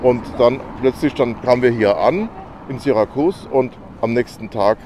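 A man's voice: medium pitch, moderate pace, a little mellow. A man in his sixties chatting casually as a travel vlogger, telling stories with fillers, filmed outdoors on a selfie camera at arm's length. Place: outdoors on a harbour bridge. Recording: outdoor noise, traffic behind.

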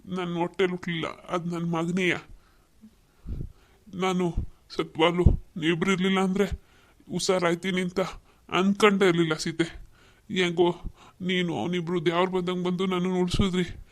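A man voicing a grateful older man who is slowly getting his speech back, talking haltingly in a cartoon. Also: high-pitched, level tone. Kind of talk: cartoon voice acting.

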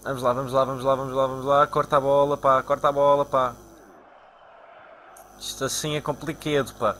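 A young man from Portugal with a European Portuguese accent, commentating his own football video game live and shouting at his players. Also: brisk, slight background noise. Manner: excitable, shouts at players and spikes into high-pitched cries. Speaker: gaming YouTuber.

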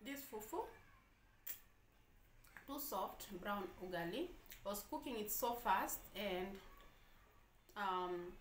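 A woman's voice: mid-range voice, animated, takes it slowly, long pauses, echoey room, a little hiss or hum. A woman chatting casually to her viewers while she eats, sometimes talking with food in her mouth. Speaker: vlogger. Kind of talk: casual chat while eating. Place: home room.

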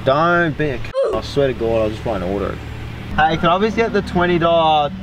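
A man's voice: a little high, brisk, over loud music, low-quality recording. A young man, the host's friend, talking in a blunt, curt way with swearing. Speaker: friend of the host. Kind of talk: casual chat.

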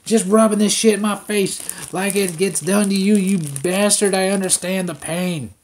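A man's voice: high-pitched, steady tone, moderate pace, slight background noise, voice pushed up. A man voicing his angry, dieting sister, snarling profane threats. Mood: furious. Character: furious dieting young woman, a sister.

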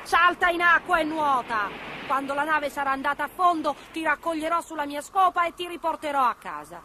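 A woman's voice: lively intonation, a little fast, bright, forceful tone, a little hiss or hum. A woman voicing a scheming, cruel sea witch in a storybook reading, coaxing and wheedling. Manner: coaxing, then shrill and furious.

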